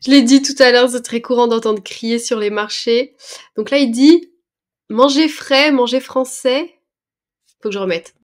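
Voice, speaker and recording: A woman's voice: fairly high pitch, fairly even intonation, darkish tone. A woman teaching a French lesson, patiently explaining words and expressions step by step, with small hesitations as she goes. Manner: patient, breaks words down slowly with fillers.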